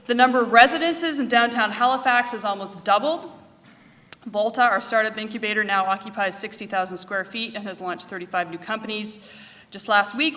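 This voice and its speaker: As event host opening a conference in a large hall, a woman briskly reads a formal list of sponsor thanks, then gives a welcoming speech. Her mid-range voice is pushed and bright, with big-room sound, and she speaks into a podium microphone that is at times off.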